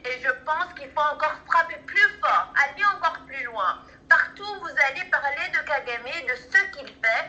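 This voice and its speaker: A woman's voice: sits high, pushed and bright. A woman from Rwanda calling in, speaking fervently with stammering repeats as she argues. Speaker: phone-in caller. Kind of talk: impassioned political call-in. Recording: muffled phone line.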